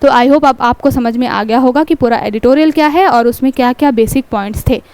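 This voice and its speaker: A woman's voice: high voice, brisk, darkish tone, clean tone, no room sound. A woman teaching an exam-prep class, explaining a newspaper editorial step by step, asking rhetorical questions and mixing in English terms. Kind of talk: newspaper analysis lecture.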